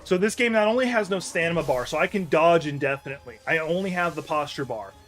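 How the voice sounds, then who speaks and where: A man streams an action game, talking fast and animatedly in a fairly high, fairly bright voice while faint music plays behind him. A native English speaker, he gives loose, rambling let's-play commentary, often correcting himself mid-sentence and chatting to his viewers as he goes.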